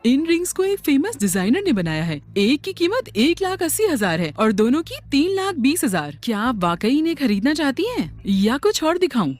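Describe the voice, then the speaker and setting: A woman's voice: high-pitched, very animated, normal speed, hardly any pauses, a little mellow. A woman voicing a snobbish shop saleswoman who talks down to customers, in a dubbed drama. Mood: snooty. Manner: contemptuous, mocking. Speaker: voice actor. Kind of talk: Hindi dub acting.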